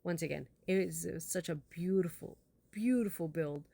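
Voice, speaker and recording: A woman speaking as a contest judge, giving casual, encouraging critique with gentle suggestions mixed into the praise. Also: lowish voice, normal speed, vocal fry, no room sound. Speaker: judge giving feedback on Lego builds.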